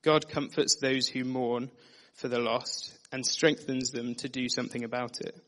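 In a dim room, a man delivers a sermon in an earnest, measured manner, alternating scripture readings with plain explanation. His voice sits at an ordinary middle pitch, steady and sincere from start to finish.

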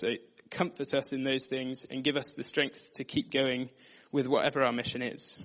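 A man giving a sermon, reading scripture passages and explaining them in an earnest, steady teaching manner. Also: medium pitch. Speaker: preacher. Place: dim room.

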